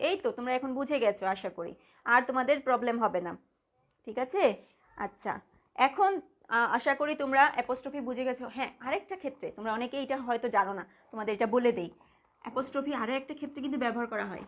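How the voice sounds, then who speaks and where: A primary school teacher with a Bangladeshi accent, giving a live online grammar lesson. She talks patiently, repeats words slowly and keeps asking the class questions. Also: a little high.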